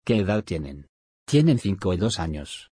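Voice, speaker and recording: Deep husky man reading lesson phrases. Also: no echo. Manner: slow, even phrase-by-phrase reading. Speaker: phrase reader.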